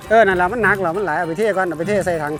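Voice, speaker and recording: Isan thai guy doing fishing vlog chat outside, repeats himself, loud music on it. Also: high voice, racing. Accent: Northeastern Thai (Isan). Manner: exclamatory, repeats words. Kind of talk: casual running commentary to viewers. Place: outdoors at a rural pond.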